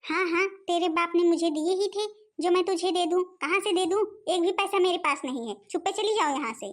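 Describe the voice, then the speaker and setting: A woman voicing a stingy, sharp-tongued old grandmother and mother-in-law in a home-made cartoon. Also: extremely high pitch, brisk. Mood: scolding.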